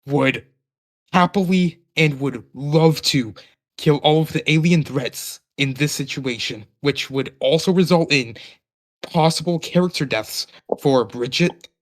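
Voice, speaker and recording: A man playing a tabletop role-playing game, explaining his character's reasoning in long, measured sentences. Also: a little high.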